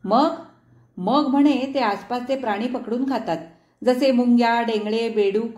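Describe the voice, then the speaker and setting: A woman doing an animated adult woman retelling news. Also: fairly high pitch, unhurried, echoey room, close to an everyday voice.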